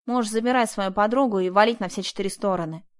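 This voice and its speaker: A woman reading an audiobook, voicing a suspicious, pushy male bandit with a hoarse, gruff way of questioning. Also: medium pitch, quick pace, close to an everyday voice. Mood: dismissive.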